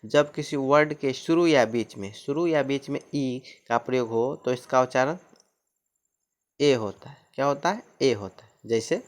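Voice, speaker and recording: धीमे बोलने वाले हिंदी लहजे के शिक्षक. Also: male voice, mid-range voice, measured pace. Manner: repeats each point, asks and answers his own questions. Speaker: teacher. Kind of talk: classroom-style explanation.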